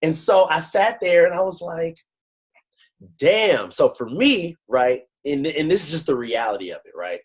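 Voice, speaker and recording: A man leading a team video call, telling a slangy, animated motivational story in casual talk over a computer mic. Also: on the high side, moderate pace, few pauses, slightly rough, low-quality recording. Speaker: network-marketing team leader.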